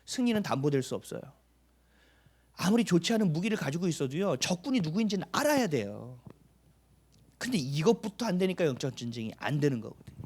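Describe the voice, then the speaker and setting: Animated high-pitched Korean pastor preaching. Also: male voice, quick pace, breathy edge. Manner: animated, asks the congregation questions and answers them; drops to a hushed near-whisper for emphasis. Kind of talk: sermon.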